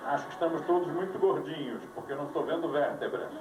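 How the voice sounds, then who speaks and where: Quick and on the high side, a man's voice guides a live yoga session, mixing directions with dry wit. It's captured on an old VHS tape in a reverberant room, his voice far off and music underneath.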